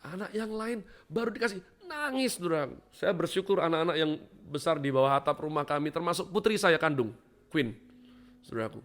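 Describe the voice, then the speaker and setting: A middle-aged man preaching a sermon in church, swinging between loud exclamations and hushed asides as he keeps calling out to the congregation. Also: on the high side, lively intonation, fairly quick. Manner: keeps addressing the congregation as "saudaraku". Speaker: pastor.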